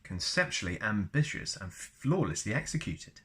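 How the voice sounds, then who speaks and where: A man with a lowish, slightly bright voice reads a book aloud like a storyteller, very animated and at a moderate pace. He's chatty and keeps drifting into casual personal asides.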